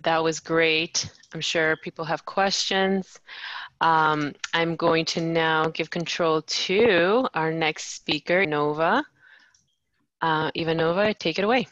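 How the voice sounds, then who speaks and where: A woman moderating a webinar, handing off between speakers slowly and deliberately. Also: low voice, fairly bright tone, no echo, lo-fi sound. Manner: slow, deliberate handoffs. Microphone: video call.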